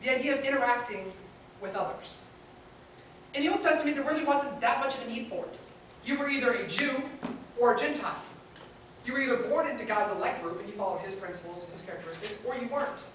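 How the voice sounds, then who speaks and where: A woman with a slightly high voice preaches a sermon into a pulpit microphone, talking fast and earnestly building her points in short, listed phrases. The recording sounds distant in a very echoey hall, with a faint hiss.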